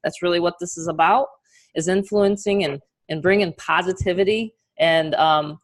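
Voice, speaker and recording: A woman with a New York accent coaching an online webinar in a casual, chatty, encouraging and energetic way. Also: fairly low pitch, normal speed. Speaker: online marketing coach and host. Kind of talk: casual webinar training and motivational talk.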